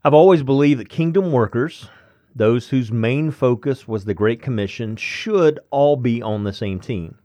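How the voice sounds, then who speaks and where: A man hosting a conversational ministry podcast, earnest and friendly, with a relaxed, easygoing delivery. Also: medium pitch, measured pace, no room sound. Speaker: podcast host.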